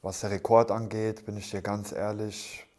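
A man with a broken nose talks in a deep, fairly flat voice. He is a fighter giving a casual interview after a bout, matter-of-fact and somewhat halting as he answers. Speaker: MMA fighter, interview guest.

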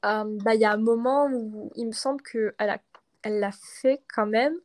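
A young native French speaker hosts a podcast, chatting casually at a normal pace in a steady, slightly mellow voice on the high side. She rambles and hesitates, with plenty of fillers and laughter.

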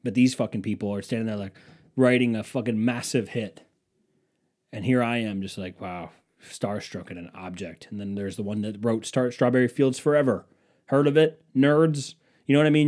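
A twenty-something man rambles casually to his phone camera inside a museum exhibit, spinning a long, meandering tale full of profanity and self-mockery. He speaks in a medium-pitched, slightly mellow voice.

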